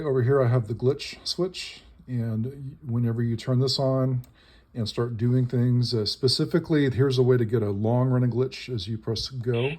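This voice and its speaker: With a medium-pitched, slightly mellow voice, a man casually walks through a modified electronic instrument hands-on, offering short, tentative explanations in pieces. The very noisy recording carries device buzz and clicks, and electronic toy noises and button clicks fill the background.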